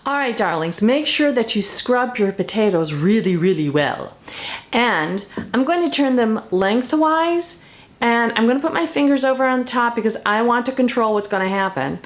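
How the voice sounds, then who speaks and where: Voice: mid-range voice, animated, normal speed. A campy drag-queen host with a theatrical, affected delivery, chatting through a cooking demonstration.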